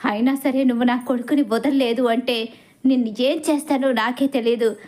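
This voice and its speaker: An enraged old father hurls shouted accusations, as a woman narrator puts him on. The voice sits high and keeps its storybook colour. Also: fairly even intonation, moderate pace, close to an everyday voice. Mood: furious.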